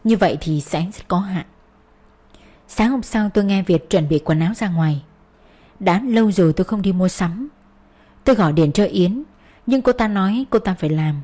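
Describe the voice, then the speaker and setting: A woman's voice: fairly low pitch, warm tone. A woman narrating a first-person story in an earnest, sorrowful reading style. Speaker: audiobook narrator.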